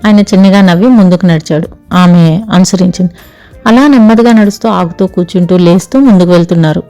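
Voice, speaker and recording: A woman storyteller narrating an audio story in a calm, even reading voice. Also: fairly low pitch, fairly quick, faint music behind.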